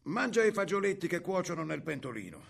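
A man's voice: high voice, big pitch swings, a little fast, gravelly, a bit bright, husky, pitched above the performer's own voice, exaggerated voice. A man voicing a sly hairy ogress who poses as a grandmother, talking in a coaxing, falsely sweet way.

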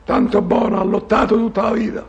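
High, creaky-voiced punch-drunk Roman boxer. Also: male voice, flat delivery, lo-fi sound, heavily acted. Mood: earnest, confused. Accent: Roman Italian dialect. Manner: slow-witted, halting, repetitive, easily confused. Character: dim, sentimental, punch-drunk retired male boxer. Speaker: comic character. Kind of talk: comic sketch dialogue.

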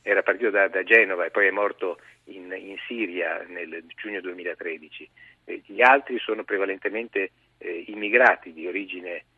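A low-voiced man calls in by phone as a guest journalist, his tone measured and explanatory. The voice is husky and comes through a dry, tinny phone line. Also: fairly even intonation. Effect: heard over the phone. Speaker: magazine deputy editor, guest journalist. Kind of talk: phone-in news briefing.

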